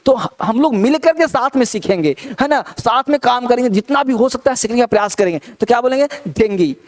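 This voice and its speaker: An Indian man with a high voice leads a spoken English lesson. He drills each word again and again, asks the class what to say, and then gives the answer himself. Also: lively intonation, a little fast.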